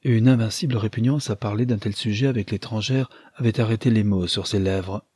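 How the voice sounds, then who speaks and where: A man narrates a classic novel in a measured, literary way. His voice is low and mellow with a husky edge. The recording is close and completely dry, with no room sound. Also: steady tone, dry recording. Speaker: audiobook narrator.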